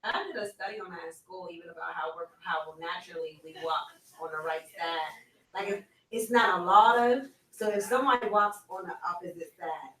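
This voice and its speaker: A man's voice: high-pitched, brisk, sharp tone, distant mic. A man in casual religious discussion, chatting loosely with lots of filler words and sharing a personal testimony. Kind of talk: casual chat. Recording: roomy, off-mic, faint noise.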